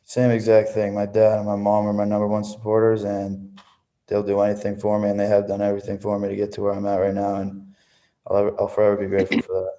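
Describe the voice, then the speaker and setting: A young man from Maine, a baseball player answering interview questions in a relaxed, casual way. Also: lowish voice, fast talker. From Maine, USA.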